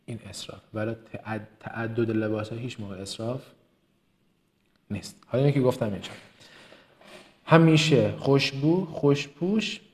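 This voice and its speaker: Here a man from Kerman, Iran, teaches motivational business content as a trainer, his slight Kermani Persian accent audible. The voice is mid-range and darkish in tone. He talks with emphasis, repeats words to stress them and runs through lists at speed.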